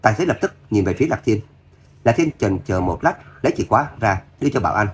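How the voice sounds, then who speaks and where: Male audiobook narrator, low husky voice, reads quickly. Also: lively intonation. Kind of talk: scripted narration.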